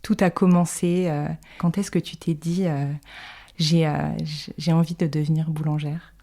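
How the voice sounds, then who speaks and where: A woman hosting a podcast, with a lowish, mellow voice. She narrates an intro and asks her interview questions in a measured way, sometimes hesitating with soft fillers. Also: little pitch movement. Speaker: podcast host.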